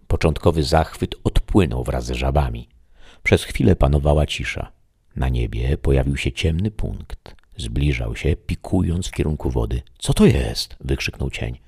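Very deep, gravelly male narrator. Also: a little mellow, dry recording, clean studio sound. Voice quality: husky with vocal fry. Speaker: audiobook narrator. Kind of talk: scripted narration of a fairy tale.

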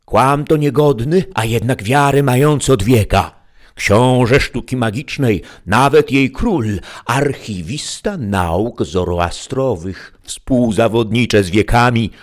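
A man voicing an ancient male wizard spirit in skeleton form, declaiming slowly and ornately. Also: medium pitch, pitched above the performer's own voice.

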